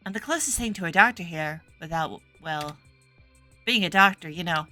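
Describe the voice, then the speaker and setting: A woman's voice: lowish voice, expressive, normal speed, sharp tone, faint music behind. A woman voicing a frank, wry nun who serves as the nurse.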